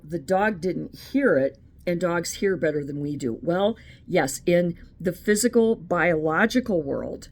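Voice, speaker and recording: A woman's voice: deep voice, a little mellow. A middle-aged American woman hosting her own channel, talking in a chatty, opinionated monologue with frequent restarts. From United States. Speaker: channel host. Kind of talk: casual monologue.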